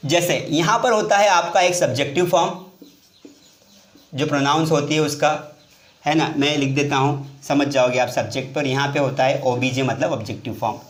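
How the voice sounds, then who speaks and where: A man, teaching a lively whiteboard English grammar lesson in a classroom and often asking questions of his students. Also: on the high side, moderate pace. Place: classroom with board. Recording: echoey room.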